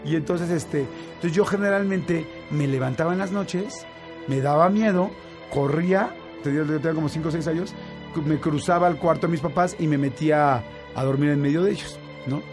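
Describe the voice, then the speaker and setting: A man with a Mexican accent telling a personal story in casual chat, animated and full of fillers and restarts. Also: fairly high pitch, a little fast, over music. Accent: Mexican Spanish.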